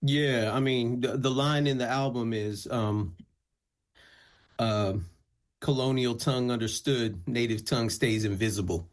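A male musician who speaks Spanish as his first language answers interview questions as a guest, thinking carefully and often restarting his phrases with fillers. His voice is medium-pitched, and he speaks at a measured pace.

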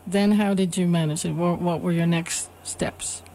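A woman hosting an interview, asking questions in an unhurried, admiring way. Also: fairly low pitch, steady tone, warm tone, slight background noise. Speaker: interviewer host.

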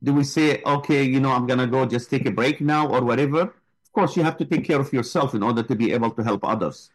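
A man's voice: medium pitch, quick pace, poor audio. A man, a guest speaking with passion and emphasis in an interview. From Gaza. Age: 60s. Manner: impassioned, emphatic. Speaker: guest, flotilla volunteer. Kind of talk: interview answers.

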